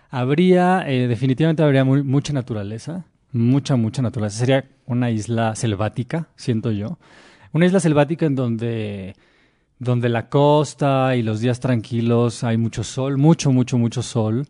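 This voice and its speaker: A man's voice: mid-range voice, moderate pace, mellow, dry recording, studio quality. A man, a theater director guest in a casual interview, tearful yet playful and laughing easily.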